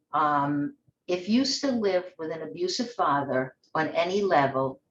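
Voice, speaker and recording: A woman's voice: low-pitched, roomy sound, slight background noise, rough recording. A woman hosting an online talk show, speaking in a rambling, conversational monologue with frequent restarts. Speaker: host. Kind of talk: casual monologue.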